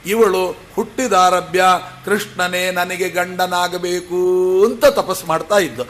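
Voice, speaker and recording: Man, Kannada accent, somewhat high voice, devotional discourse, asks and answers his own questions. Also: steady tone, a little slow, fairly bright tone. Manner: asks questions and answers them himself, chants verses. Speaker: scripture lecturer.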